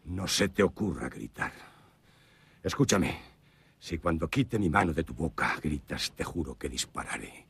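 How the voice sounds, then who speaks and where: An actor in a dubbed western playing a cold, threatening young outlaw with a very husky voice. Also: male voice, a bass voice, animated, a little slow, fairly bright tone, no echo, heavily acted. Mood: menacing. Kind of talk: dubbed film acting.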